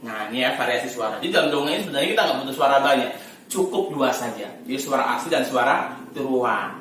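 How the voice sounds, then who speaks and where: A man teaching storytelling technique in a lively, chatty way, laughing often and letting his pitch swing widely. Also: quick pace. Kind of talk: tutorial lesson on storytelling. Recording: echoey room from far off.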